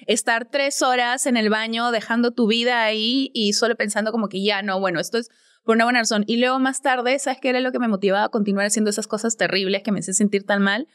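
A woman, chatting as a podcast host and telling her story in fast, animated bursts. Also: a little high, dry recording, clean studio sound. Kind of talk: casual chat.

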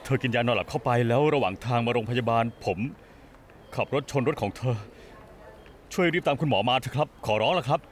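A man's voice: mid-range voice, expressive, brisk, a little hiss or hum, natural voice. An actor dubbing an anguished young man in a TV drama, pleading frantically. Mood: desperate. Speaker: distraught son. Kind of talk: Thai dub of a TV drama.

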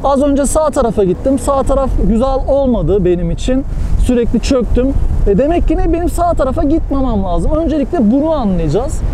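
A young man teaching paragliding technique while he flies, calmly explaining and answering his own questions, recorded outdoors on a helmet-mounted camera. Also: extremely high pitch. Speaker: paragliding instructor and vlogger. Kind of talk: in-flight instructional commentary. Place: outdoors, flying a paraglider over hills. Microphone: helmet-mounted action camera. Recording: faint wind noise.

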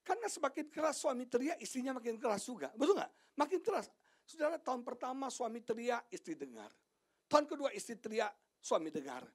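A middle-aged male pastor preaching an animated sermon, swinging from shouted lines to hushed asides and joking with the congregation. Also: extremely high pitch, brisk, husky. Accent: Indonesian. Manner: jokes with the congregation, asks them questions. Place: church sanctuary.

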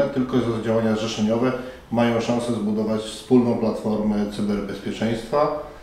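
At a conference, a middle-aged man moderating a panel gives earnest, persuasive answers in a formal interview, standing in a hall by a banner. His voice is lowish and warm, picked up from a distance in an echoey room with a little hiss or hum.

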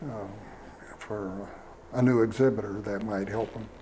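A man, speaking slowly with many fillers and restarts as a fair superintendent in a studio interview. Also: lowish voice, steady tone, warm tone, slight background noise. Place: small TV studio. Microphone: lapel mic.

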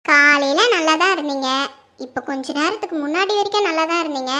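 A young performer plays a kind young sister-in-law in a family drama skit. The voice is very high and bright. She asks with concern and reasons gently. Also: quick pace.

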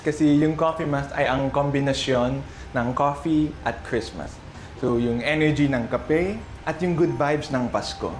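A man's voice: mid-range voice, a little slow. A young man, a shop owner, answering an interview indoors in an upbeat way, switching between Filipino and English. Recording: roomy sound with music under it.

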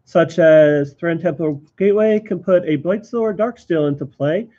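Mellow man reading card prices. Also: a little high, normal speed. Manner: matter-of-fact, explains game strategy. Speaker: game store co-host. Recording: dull lo-fi stream audio.

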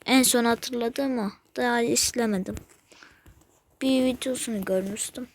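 Woman, high voice, slow halting talk, gameplay commentary, jumpy scared exclamations, channel host. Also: a little hiss or hum.

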